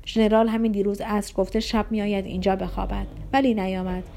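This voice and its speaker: A woman reading the lines of a servile middle-aged man who talks in a flustered, rushed way. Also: medium pitch, fairly even intonation, gravelly, dark tone, slight background noise, lightly acted. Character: fawning middle-aged male clerk, servile.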